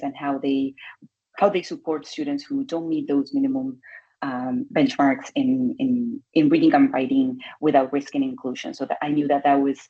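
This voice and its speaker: A woman's voice: a bass voice, dark tone, husky. A woman from Argentina, speaking, gives a webinar presentation as an education researcher. She talks hesitantly, with frequent "uh" and repeated words. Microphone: video call. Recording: dull lo-fi video call audio.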